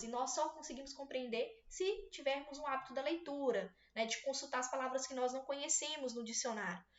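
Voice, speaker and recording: A high-voiced woman teacher leads an exam-prep video lesson, patiently explaining each step and repeatedly checking that her students are keeping up. The recording sounds roomy and a little dull.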